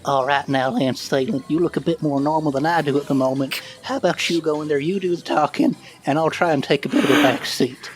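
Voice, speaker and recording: A man's voice: fairly high pitch, a little fast, hardly any pauses, close to an everyday voice. A man voicing a folksy, eager old prospector with a drawl in a tabletop game. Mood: folksy, agreeable. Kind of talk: in-character tabletop roleplay.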